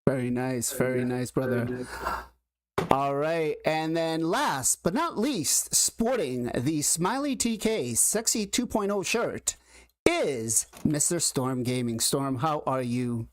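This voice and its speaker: A man hosting a casual livestream, introducing guests with drawn-out hype and asking chat questions. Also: fairly high pitch, lively intonation, a little hiss or hum. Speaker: host.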